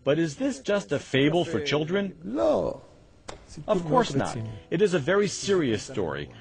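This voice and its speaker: A man's voice: a little high, big pitch swings, normal speed, over music. An older man born near the Latvian border, giving an earnest documentary interview in a museum exhibit room on a lapel mic. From Latvian border region.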